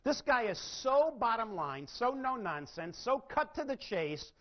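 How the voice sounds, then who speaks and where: A man's voice: very high-pitched, very animated, a little slow. A middle-aged man giving a seminar talk, asking the audience questions and answering them himself, recorded on dull lo-fi live-talk audio. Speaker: speaker. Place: lecture room with audience.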